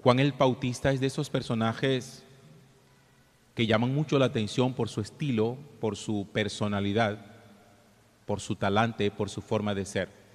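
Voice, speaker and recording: A man, a priest, reading the Gospel and preaching a homily at Mass in a measured, deliberate way, his voice ringing with a long cathedral-like reverb. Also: on the low side, level tone. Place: large church. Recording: long church hall reverb.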